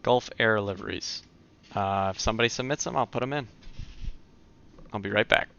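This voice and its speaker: Gravelly low-voiced male streamer. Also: normal speed, lo-fi sound. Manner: relaxed, chatty, answers viewer comments. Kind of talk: casual live-stream chat.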